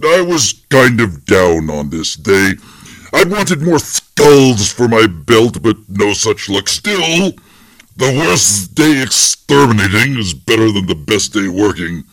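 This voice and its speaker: Boastful deadpan alien warlord, played by a man, low and dry. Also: takes it slowly, no room sound, heavily acted, poor audio. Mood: casual. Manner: bragging, deadpan, casually brutal. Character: boastful male alien warlord showing off photos.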